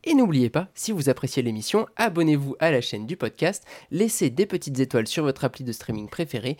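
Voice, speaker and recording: A man's voice: fairly high pitch, a little mellow. A man hosting a comics podcast, reading his scripted intro and review in a playful, self-mocking way with theatrical emphasis.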